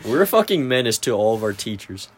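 A man's voice: medium pitch, big pitch swings, fast talker, breathy edge. A teenage boy chatting casually, joking crudely, laughing often and mimicking his teachers. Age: teens. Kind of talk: casual chat.

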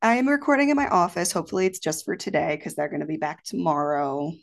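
A woman's voice: lowish voice, fast talker, vocal fry. Echoey woman podcaster, blunt and casual. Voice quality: slightly echoey sound. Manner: blunt, emphatic, swears freely. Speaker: podcast co-host. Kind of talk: casual chat. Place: home office standing in for a recording studio. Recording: slightly echoey untreated room.

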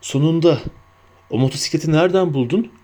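A man voicing a calm, wise old wizard who speaks in a measured, dryly humorous way. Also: fairly high pitch, natural voice.

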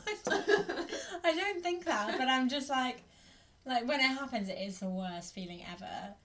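A young woman co-hosts a relaxed podcast, telling animated stories between giggles. Her voice is bright and sits a little high. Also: moderate pace, a little hiss or hum. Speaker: podcast co-host. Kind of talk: casual chat.

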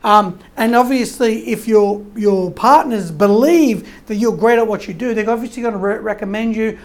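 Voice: mid-range voice, normal speed. An SEO consultant giving an informal explanatory talk, rambling with frequent restarts and "right?" tags, voice wearing thin from talking long.

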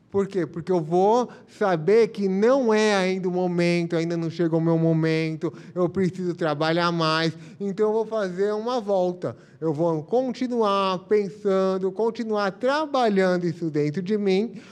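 A man's voice: high-pitched, a little mellow. A man giving a live spiritist lecture, reflective and explaining through first-person examples. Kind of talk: live religious talk.

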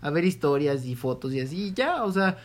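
A man's voice: a little high, sing-song, brisk. A young man with a Mexican accent co-hosting a casual chat, telling stories and laughing as he recounts them. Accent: Mexican Spanish. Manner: storytelling, laughs while recounting. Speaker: podcast co-host.

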